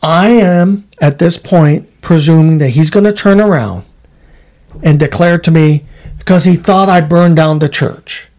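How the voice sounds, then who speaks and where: Animated storytelling man. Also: a little high, measured pace. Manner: animated, acts out voices in his stories. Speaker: podcast host, former state trooper. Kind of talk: casual storytelling chat.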